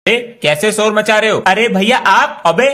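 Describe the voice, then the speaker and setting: A man's voice: sits high, moderate pace, bright, forceful tone. A young man acting out comic skits, switching between a playful child voice and scolding elders.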